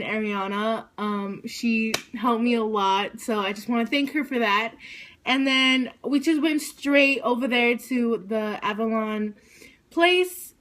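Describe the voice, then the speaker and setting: A woman telling a story to her vlog audience, excitable and rambling, saying "like" constantly. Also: fairly high pitch. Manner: excited, rambling, heavy use of "like". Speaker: vlogger.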